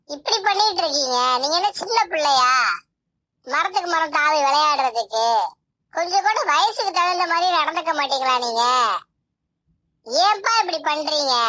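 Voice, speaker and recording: A young cartoon daughter pleads with her father in a very high, bright and squeaky voice, as a woman plays her. She sounds earnest and anxious throughout. The sound is dry and close, with no room around it. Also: no room sound, full character voice, poor audio. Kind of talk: cartoon voice acting.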